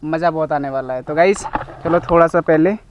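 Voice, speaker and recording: A man's voice: fairly high pitch, brisk, lo-fi sound, a little hiss or hum. A young man from India chats to viewers while camping and cooking outdoors in a forest. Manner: chatty, addresses viewers as guys. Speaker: camping vlogger. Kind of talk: casual vlog narration.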